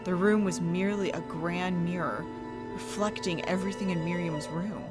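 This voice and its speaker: A low, haunting voice of a woman plays an earnest, troubled brother telling a gothic horror tale. The delivery is measured and drawn out, with clear music underneath. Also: lightly acted. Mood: hushed dread. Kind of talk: dramatic first-person horror story narration. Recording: music behind the voice.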